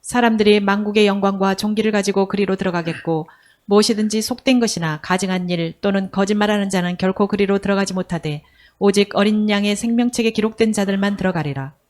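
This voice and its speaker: A woman reading scripture aloud in a steady, formal manner. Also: medium pitch, fast talker. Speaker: scripture reader.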